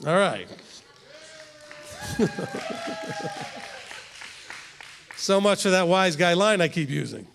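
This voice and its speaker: A rabbi in his fifties leads his congregation's Torah study in their hall, speaking conversationally and often checking in with "okay?" His high, slightly bright voice is gravelly, swoops wildly in pitch, draws out words, and pauses often. A long reverb tail trails him, and a crowd can be faintly heard.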